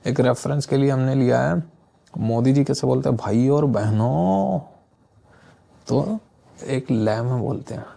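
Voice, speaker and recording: Gravelly-voiced man teaching vocabulary. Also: mid-range voice, steady tone, normal speed, dark tone. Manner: often adds filler checks like "theek hai". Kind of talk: casual exam-prep vocabulary lesson.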